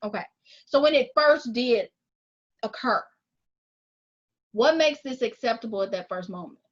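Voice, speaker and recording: A woman co-hosting a podcast, arguing her points deliberately and repeating phrases to hold the floor in casual chat. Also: on the high side, lively intonation, muffled recording. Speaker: podcast co-host.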